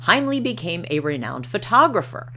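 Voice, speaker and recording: A sing-song woman's voice on the low side, fairly bright in tone, moves at a moderate pace as she hosts a livestream. Between casual chat she reads articles and quotes aloud, stumbling over many ums and uhs in a hesitant way. Her first language isn't Norwegian, and a slight hiss or hum is audible.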